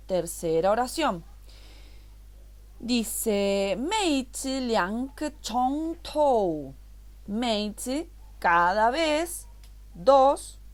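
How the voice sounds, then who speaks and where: A woman teaching a recorded online language class, explaining patiently and repeating each word step by step. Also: a little high.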